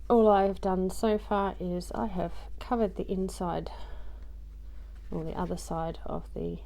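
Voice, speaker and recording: A woman who makes craft journaling vlogs rambles casually through a project at home, with plenty of ums and small self-deprecating asides, her voice only just back after losing it. She speaks a little slowly, at a fairly low pitch, in a steady, warm tone with vocal fry.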